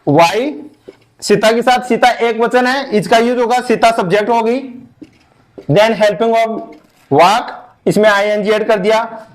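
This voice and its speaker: Guy teaching english grammar, high voice, talks real slow and says everything twice. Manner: slow, repeats each step, mixes English into Hindi. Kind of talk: online grammar lesson.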